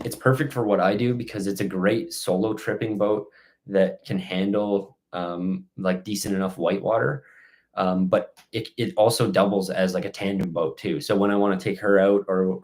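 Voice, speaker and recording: A man's voice: on the low side, a little mellow. A man hosting a casual outdoor live-stream Q&A, reading out questions and giving rambling, stop-start answers.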